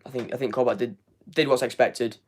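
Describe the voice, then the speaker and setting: With fairly even intonation and a medium pitch, a young man speaks briskly as he hosts a live football fan review and reads chat. His voice is wearing out, and he rambles with lots of fillers and repeated words.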